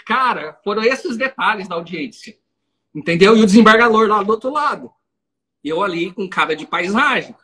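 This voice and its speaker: A man, a defense lawyer co-hosting a podcast, telling an anecdote in a casual, animated way. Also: sits high, moderate pace, husky, rough recording. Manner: animated storyteller, laughs along.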